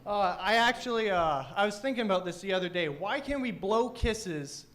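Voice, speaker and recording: A young man with a fairly high voice works an open mic crowd, brash and profane, needling the audience. His words come out thick and mushy, as if his mouth is full. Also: animated, moderate pace, a bit bright. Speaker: stand-up comedian; teacher. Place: small comedy studio stage.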